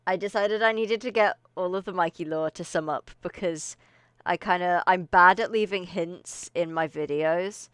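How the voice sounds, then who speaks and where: Low-voiced woman streamer, breathless and rambling. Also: a bit bright, clear, resonant tone, dry recording, studio quality. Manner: rambling, scattered, laughs often. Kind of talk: casual livestream chat.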